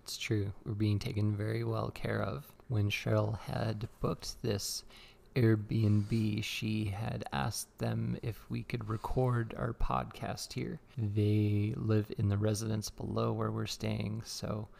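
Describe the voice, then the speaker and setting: A man hosts a podcast in an easy, casual way. His voice has a noticeable fry and stays fairly level in pitch. He sounds like he is talking or reading to listeners from inside a church. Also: flat delivery, slow, hardly any pauses, a little mellow. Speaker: podcast co-host. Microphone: good podcast microphone.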